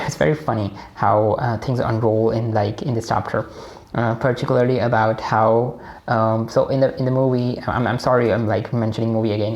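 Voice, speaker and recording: A man's voice: medium pitch, a little mellow. A man with a Pakistani accent hosting a casual personal book analysis, rambling with many fillers and restarts. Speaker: book discussion host.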